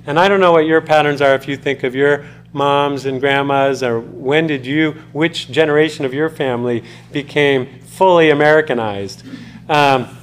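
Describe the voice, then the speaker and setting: Here the same kind of American college lecturer speaks with a fairly high, slightly bright voice over slight background noise. He keeps things conversational, peppering his lecture with fillers and frequent questions to the class.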